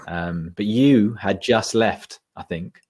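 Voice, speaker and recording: A man's voice: on the low side, slow pace, a little mellow, husky. A man reminiscing casually as a podcast guest, with an informal, matey, sometimes sweary way of talking.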